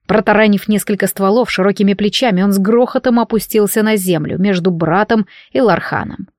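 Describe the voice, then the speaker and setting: A woman reading a fantasy novel aloud in steady storytelling narration. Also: mid-range voice, a little fast, no room sound, studio quality. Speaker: audiobook narrator.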